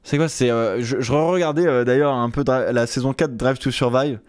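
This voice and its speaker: A man's voice: mid-range voice, steady tone, normal speed, darkish tone, smooth, no room sound, studio quality. A man chatting casually on a live stream, rambling with many fillers and restarts.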